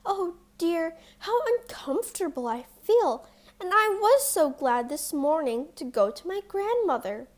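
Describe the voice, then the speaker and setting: A woman's voice: extremely high pitch, very animated, measured pace, pitched above the performer's own voice, full character voice. A woman playing an innocent, polite little girl from a fairy tale, earnest and wide-eyed. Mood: uneasy.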